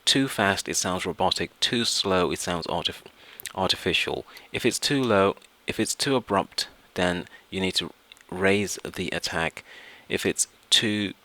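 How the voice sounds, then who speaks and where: A man with a low, unhurried voice walks through a software tutorial step by step, explaining as he goes and often repeating and rephrasing what he says.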